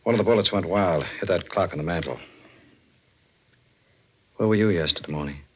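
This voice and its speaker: An actor playing a tough homicide detective in an old-time radio crime drama, curt, commanding and probing. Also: male voice, deep voice, brisk, noisy background, lightly acted. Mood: brisk, probing. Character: tough, blunt male homicide detective sergeant. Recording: muffled old radio recording.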